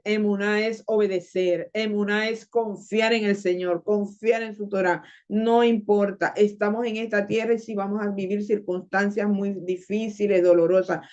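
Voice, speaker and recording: A woman's voice: mid-range voice, darkish tone. A woman preaching a sermon with Bible reading, impassioned and repeating phrases to drive them home. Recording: dull lo-fi audio.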